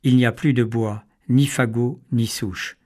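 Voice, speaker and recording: A man's voice: medium pitch, steady tone, a little slow, a little mellow, lightly acted. A man voicing a poor, brave and dutiful peasant boy who speaks earnestly and resolutely in a storybook reading.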